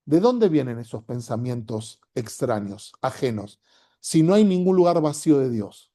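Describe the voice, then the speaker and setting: A man's voice: medium pitch, sing-song, moderate pace, warm tone. A man with a Rioplatense Spanish accent teaching a class as a rabbi. He talks in a conversational way, often checks in with "¿sí?", and acts out the inner voices he describes.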